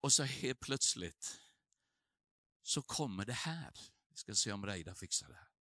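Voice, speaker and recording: A man's voice: on the low side, sing-song, bright, forceful tone, no room sound. A male preacher giving a sermon at a revival meeting, telling a personal story with feeling and building to fervent exhortation.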